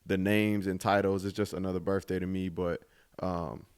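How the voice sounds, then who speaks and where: A man in his twenties hosts his own solo podcast, musing in a laid-back, reflective way and swearing casually. His voice sits low with a level, clean tone at a moderate pace.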